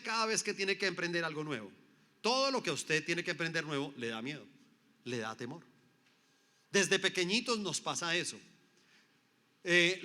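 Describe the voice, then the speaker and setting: Male pastor, high bright voice, emphatic sermon delivery, rhetorical questions to the crowd, echoey hall.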